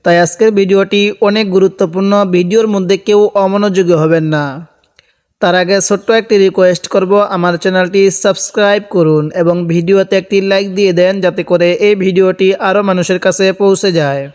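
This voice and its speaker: A man teaching Quran reading, spelling out syllables slowly and repeating them one by one. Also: high-pitched, steady tone, darkish tone, clear, resonant tone, long reverb tail. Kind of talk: spelling-out Quran recitation lesson.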